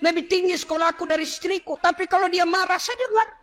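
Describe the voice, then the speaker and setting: A middle-aged man with an Indonesian accent preaches in a mosque, giving a humorous sermon in a very high-pitched, fast, slightly bright voice. He jokes with the audience, addresses them directly, and acts out quoted voices.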